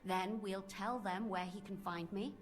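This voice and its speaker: A woman's voice: mid-range voice, fairly even intonation, measured pace, soft background music, lightly acted. An actress playing a bold, decisive woman conspirator in conversational video game dialogue. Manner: decisive, eager. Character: bold, eager female conspirator volunteering as bait.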